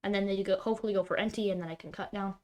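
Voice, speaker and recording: Her voice is medium-pitched, a little mellow and steady in tone, and she talks rapid-fire while commentating live on her card game. The woman streamer speaks to herself and breaks into exasperated complaints about her bad luck.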